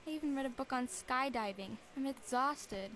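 A woman's voice: sits high, moderate pace, a bit bright, slight background noise. An actress playing an insecure, flustered and earnest young girl in a family radio drama. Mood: nervous. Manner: nervous, pleading.

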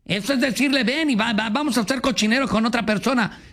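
A man with a Mexican accent hosts a comedy radio show from the studio, cracking jokes and reading listener messages aloud. His voice is very high and a bit bright, and he talks fast.

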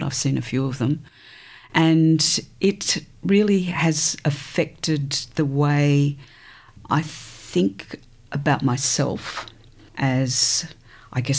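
An older Australian woman, a poet appearing as a guest, answers interview questions thoughtfully and in a measured way, pausing between phrases. Her voice is a low rumble with a darkish tone.

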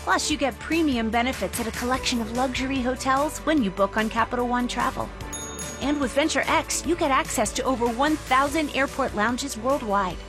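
A woman reading a scripted radio ad in a smooth, polished way. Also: high-pitched, normal speed, music in the background. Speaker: ad announcer. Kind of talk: scripted ad read.

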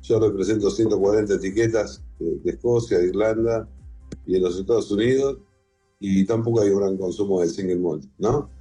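A middle-aged man with an Argentine accent, a whisky museum founder and collector, is the guest in an interview and answers conversationally. His voice is lowish, dark and husky, at a moderate pace, with soft music playing in the background.

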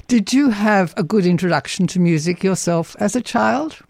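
Gravelly-voiced woman radio interviewer. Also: medium pitch, animated, moderate pace, a little mellow, dry recording, studio quality.

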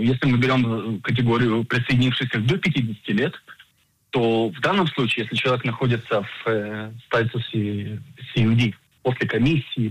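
Husky-voiced man explaining insurance. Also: mid-range voice, no room sound, poor audio. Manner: measured, explanatory, with frequent hesitations. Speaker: insurance agent and financial planner. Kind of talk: radio interview, explaining insurance.

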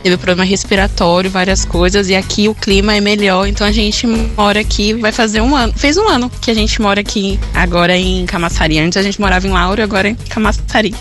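A woman's voice: medium pitch, fairly even intonation, brisk, hardly any pauses. A woman in her forties from Salvador, calling in to a radio show, grateful and a little hesitant. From Salvador, Brazil. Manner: hesitant restarts, warm and grateful. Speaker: radio caller. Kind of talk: phone-in chat. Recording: music playing under the voice.

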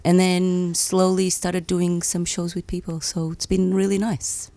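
A young woman from Portugal, a community radio presenter speaking as a guest in a thoughtful, measured way with small pauses. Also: lowish voice, little pitch movement, mellow, dry recording. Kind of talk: radio interview. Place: radio studio.

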